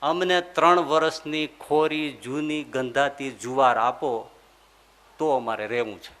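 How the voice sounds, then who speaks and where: A male preacher voicing a calm, authoritative holy master who speaks in a measured way. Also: medium pitch, voice pushed down, lightly acted. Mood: calm firm.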